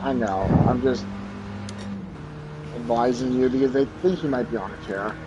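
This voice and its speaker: A man's voice: medium pitch, normal speed. Man giving terse radio calls over engine noise. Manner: clipped, matter-of-fact status reports. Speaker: sim racing driver. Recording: dull lo-fi audio over loud car engine noise. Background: racing car engine.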